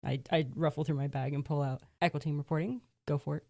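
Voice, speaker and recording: Low-voiced woman playing a tabletop game. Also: fairly even intonation, fast, creaky, a little mellow. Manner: playful, laughs often. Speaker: player. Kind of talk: tabletop role-play chat.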